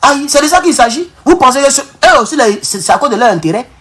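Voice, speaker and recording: An extremely high, sing-song, slightly bright male voice races along as this African French-accented man hosts a live political broadcast. Fervent and emphatic, he repeats phrases, restarts words, and keeps calling his viewers comrades.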